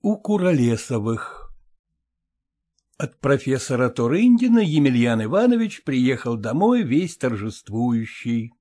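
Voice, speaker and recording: Husky-voiced male audiobook narrator. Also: medium pitch, darkish tone. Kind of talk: scripted narration.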